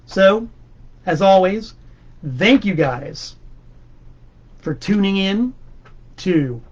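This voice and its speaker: High-voiced enthusiastic man hosting. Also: muffled recording. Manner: enthusiastic, rambling, emphatic. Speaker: host. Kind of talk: casual record-collector monologue.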